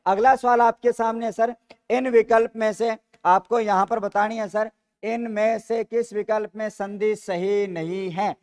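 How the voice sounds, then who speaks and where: Teaching grammar live online, a man with a Rajasthani Hindi accent reads student comments, repeats each question, supplies the answer himself, and says "sir" to viewers constantly. The voice is high and a little mellow, delivered flatly and a bit slowly.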